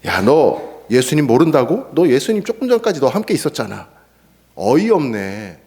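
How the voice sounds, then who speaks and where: A man's voice: sits high, lively intonation, slow, a little mellow, voice pushed up. A man voicing a scornful bystander who mocks and accuses a disciple in a sermon retelling. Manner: mocking, jeering. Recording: echoey church hall.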